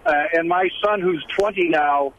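High-voiced man calling in by car speakerphone. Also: a bit bright. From Milwaukee, USA. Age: middle-aged. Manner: halting, earnest, with many fillers and restarts. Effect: speakerphone in a moving car, heard over the phone line. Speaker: caller. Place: driving car. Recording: tinny phone line with faint car noise. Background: faint road noise.

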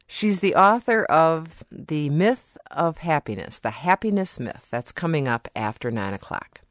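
A woman hosting a radio call-in show with a smooth, polished radio host delivery, reading promos and introducing callers from a studio microphone. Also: deep voice, expressive, measured pace, no echo.

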